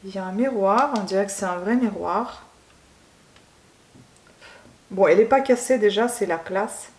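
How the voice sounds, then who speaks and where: A woman unboxing beauty products at home in a casual vlog, gushing over each item and pausing often with filler sounds. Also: medium pitch, darkish tone, echoey room. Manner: gushing, keeps saying she loves it; hesitant, many filler sounds. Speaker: beauty vlogger.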